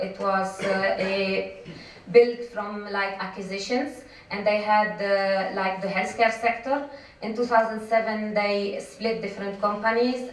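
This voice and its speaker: A middle-aged Lebanese woman speaks on a conference panel in a hall, sounding hesitant and filling her speech with fillers. Her voice sits in the mid range, picked up by a distant mic in an echoey hall with slight background noise.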